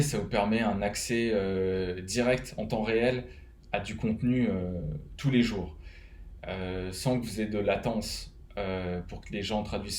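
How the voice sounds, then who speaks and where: A man's voice: on the low side, reverberant. A man from France with a French accent, casually giving advice to fellow web developers, rambling with many fillers and restarts. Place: home, living in Canada.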